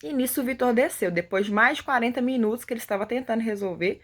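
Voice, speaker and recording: Husky Brazilian woman giving testimony. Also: on the high side, fast, a bit bright. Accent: Brazilian Portuguese. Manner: emotional storytelling, acting out the dialogue she retells. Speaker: testimony speaker.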